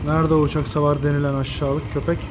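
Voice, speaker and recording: Excitable high-voiced man commentating a game. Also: quick pace. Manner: excitable, swears and shouts at teammates. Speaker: gameplay commentator. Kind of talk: live gaming commentary.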